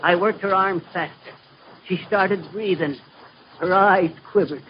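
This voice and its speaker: A bragging, folksy teller of tall tales, who rambles and trips over his words in a fairly high voice. The sound is a scratchy, noisy 1930s radio broadcast with dull, muffled highs. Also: unhurried. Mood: boastful. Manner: folksy rambling yarn-spinner, slips of the tongue. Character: boastful middle-aged man spinning tall tales. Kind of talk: 1930s radio comedy acting.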